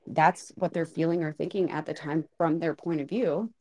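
A woman's voice: deep voice, moderate pace, a little mellow, no room sound. A woman co-hosting a podcast about hair styling, chatting casually and animatedly with lots of filler words. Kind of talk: casual chat.

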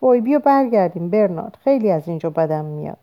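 A woman's voice: medium pitch, big pitch swings, muffled recording, voice pushed up, lightly acted. A woman reading a storybook aloud, voicing a carefree, easily anxious young woman who pleads in a raised voice. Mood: pleading.

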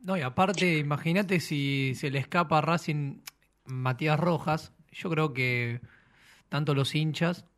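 A man's voice: on the high side, a little slow, a bit bright. A man with an Argentine Spanish accent, a football talk show co-host chiming in with short opinions. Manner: brief agreeing interjections and opinions.

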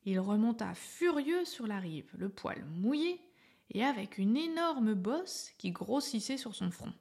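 A woman reading a children's story aloud in a soft, gentle way, often half-whispered. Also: on the high side, sing-song, unhurried, husky.

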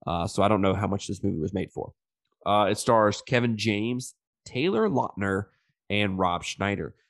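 A man with a lowish voice that sounds stuffed up, as if pinching his nose and talking through his mouth. He hosts a casual movie review podcast with loose slang and swearing. The recording is close and dry. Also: lively intonation, normal speed, vocal fry, no room sound. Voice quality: congested nasal, pinched-nose sound from blocked sinuses. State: stuffed up with a sinus infection. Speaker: podcast host.

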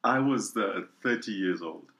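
Middle-aged man, guest sharing his testimony; low-pitched, earnest, circles back over words. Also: animated, unhurried, fairly bright tone. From Kenya. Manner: earnest, repeats words as he thinks. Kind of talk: personal testimony in interview.

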